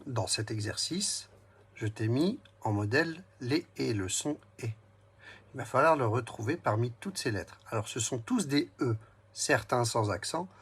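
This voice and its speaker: A man giving a slow, patient reading lesson to a young child and spelling words out syllable by syllable. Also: mid-range voice, fairly bright tone, slightly rough. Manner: speaks slowly, splits words into syllables.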